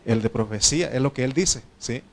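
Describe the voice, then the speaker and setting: Mexican pastor preaching conversationally. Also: male voice, medium pitch, brisk, a little mellow. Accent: Mexican Spanish. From Oaxaca, Mexico. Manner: conversational, asks the congregation questions; frequent fillers and self-corrections. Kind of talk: sermon.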